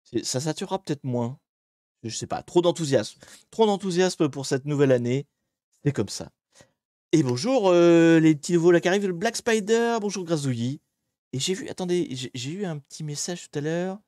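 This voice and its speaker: A man hosting a casual live hacking stream from a home green-screen setup, lively and joking as he greets viewers one by one on a desk microphone. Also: a little high, normal speed, dry recording, studio quality.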